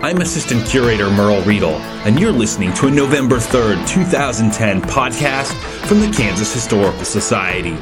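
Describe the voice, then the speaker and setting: A man hosting a museum podcast, speaking in a clear presenter's way as an assistant curator. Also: medium pitch, lively intonation, a little fast, hardly any pauses, music in the background. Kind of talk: scripted intro and casual interview.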